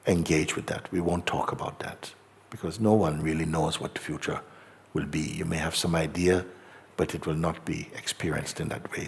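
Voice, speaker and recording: Deep gravelly man guiding a meditation. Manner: slow, gentle, repetitive, hesitant. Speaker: spiritual teacher. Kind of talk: guided meditation talk. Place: meditation hall before a live audience.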